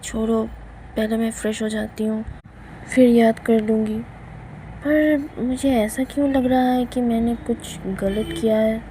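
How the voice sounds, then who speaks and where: A woman's voice: a little high, fairly even intonation, unhurried, dark tone, a little hiss or hum, close to an everyday voice, rough recording. A woman voicing a playful, affectionate young woman who coaxes and pleads. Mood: puzzled. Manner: coaxing and pleading.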